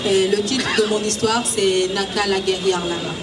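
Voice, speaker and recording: A woman's voice: medium pitch, fairly even intonation, normal speed. Woman from Togo introducing herself from afar. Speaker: author. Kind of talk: short introduction and reading. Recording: distant mic in noisy crowd.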